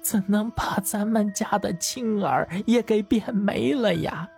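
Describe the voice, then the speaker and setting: A woman's voice: lively intonation, measured pace, faint music behind. A woman voicing a grieving elderly noblewoman who wails and pleads through tears in an audio drama. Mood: sobbing. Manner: wailing, high-strung pleading.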